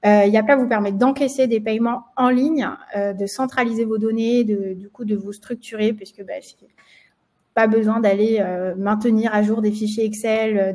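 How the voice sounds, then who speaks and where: This woman's voice is mid-range and dark, with a French accent and a slight huskiness like a frog in her throat. She's a marketing manager from France running a live webinar, and her delivery is full of fillers and hesitant restarts.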